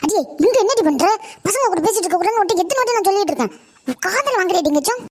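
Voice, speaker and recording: A woman's voice: very high-pitched, expressive, racing. A woman voicing a strict, short-tempered village mother in a cartoon, scolding and indignant. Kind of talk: Tamil cartoon voice acting.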